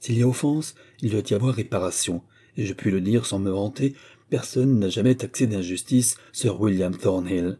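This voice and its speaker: A man voicing a generous wealthy older gentleman in an audiobook, speaking in a gracious, measured way. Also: fairly low pitch, breathy edge. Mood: formal.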